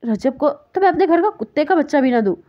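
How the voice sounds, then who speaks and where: A woman's voice: high-pitched, muffled recording, pitched above the performer's own voice. A woman reading a stern protective father. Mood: firm. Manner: calm but firm.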